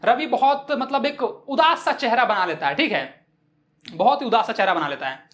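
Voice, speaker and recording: A woman's voice: fairly high pitch, expressive, moderate pace, fairly bright tone, reverberant. A woman teacher explaining an English chapter line by line in Hindi, mixing in English phrases and acting out the characters' lines.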